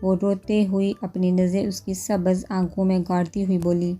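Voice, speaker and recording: Woman, novel narrator, steady storytelling, very dark mellow voice, faint music underneath. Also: on the low side.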